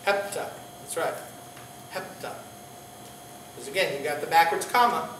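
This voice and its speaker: A man, a pastor, teaching an informal Greek class, talking in a halting way with many fillers and restarts and joking with his students. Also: fairly high pitch, fairly bright tone. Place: church classroom. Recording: roomy, distant classroom recording with faint hiss.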